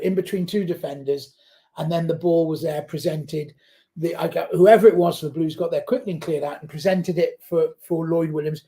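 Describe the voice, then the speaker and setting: Man, rugby co-commentator, high voice, excitable, live match commentary. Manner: excitable, breaks into shouts at big plays.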